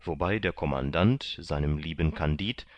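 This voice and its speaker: A man narrating a classic novel as an audiobook in a measured, even storytelling manner. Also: rumbling low, no echo.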